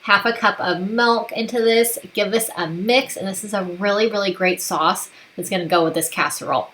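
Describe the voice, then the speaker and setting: A woman's voice: medium pitch, moderate pace, fairly bright tone. A woman hosting a home cooking channel, chatting cheerfully through recipe steps and saying often how great the food is. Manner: upbeat, chatty, repeats "really great". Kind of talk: casual cooking voice-over.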